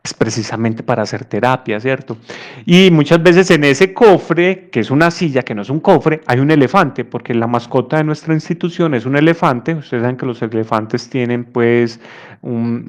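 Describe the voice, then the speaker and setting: A man's voice: mid-range voice, moderate pace. Guy psychologist giving a talk, chatty, repeats himself a lot, mid voice. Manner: conversational, repeats words, acts out voices. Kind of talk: conference talk with storytelling.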